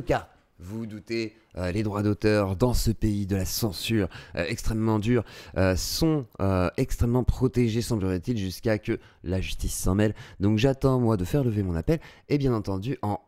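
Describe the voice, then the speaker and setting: A man's voice: on the low side, a little mellow. A man hosting a comedic vlog, ironic and mock-grandiose, with many hesitating fillers. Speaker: youtuber host. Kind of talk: sarcastic comedic vlog intro.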